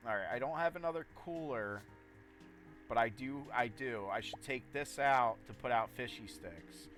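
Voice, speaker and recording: A man with a mid-pitched voice streams a game over clearly audible music. He talks in a casual, rambling way, often to himself, as he comments on what he is playing. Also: moderate pace, a bit bright. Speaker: gaming streamer.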